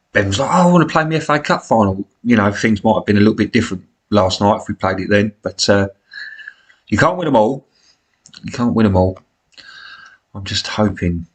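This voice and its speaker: British man with a smoker's rasp. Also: low-pitched, fairly bright tone. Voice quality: smoker's rasp with a recurring cough. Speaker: gaming live streamer. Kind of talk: casual live-stream commentary on a football management game.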